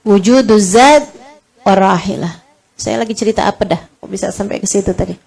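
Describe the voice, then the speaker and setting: A woman's voice: mid-range voice, moderate pace, vocal fry, a little mellow, husky. A woman preaching an Islamic lecture, chatting with her audience and acting out the people in her stories. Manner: conversational, addresses audience as friends, acts out dialogue. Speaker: religious preacher.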